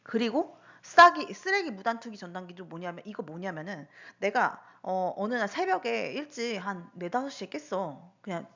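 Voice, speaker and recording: Animated woman telling a story, lo-fi. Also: medium pitch, normal speed, few pauses. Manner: animated, lots of rhetorical questions and fillers. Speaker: vlogger recounting personal incidents. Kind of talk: casual storytelling monologue. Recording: dull lo-fi recording.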